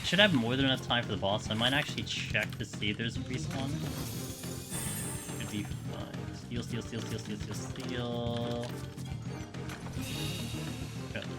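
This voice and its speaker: Young man streaming on a headset mic, loud game music behind. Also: mid-range voice, a little slow, pauses often. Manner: relaxed, rambling, lots of fillers and restarts. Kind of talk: casual live commentary while playing.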